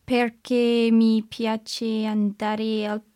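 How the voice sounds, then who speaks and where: A woman's voice: on the high side, little pitch movement, extremely slow, warm tone, no room sound, clean studio sound. Hesitant woman learning Italian. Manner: hesitant, tentative answers. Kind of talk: language lesson practice.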